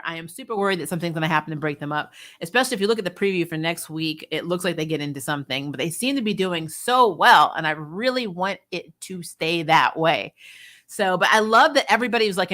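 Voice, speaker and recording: With a fairly low-pitched voice, a woman gives a laid-back, opinionated review of a TV episode on video. She's candid with viewers, narrating scenes with energy and the occasional mild curse.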